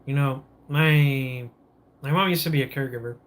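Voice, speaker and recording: A man's voice: mid-range voice, moderate pace. A man hosting a casual morning livestream, sipping coffee, greeting viewers and rambling, often losing his train of thought and restarting. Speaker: livestream host.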